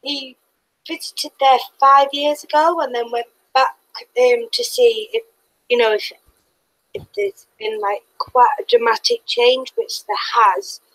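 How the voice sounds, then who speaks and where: A woman's voice: high voice, expressive, unhurried, fairly bright tone, no room sound, poor audio. A woman co-hosting a casual stream chat, giggly and rambling. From Britain. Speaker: co-host.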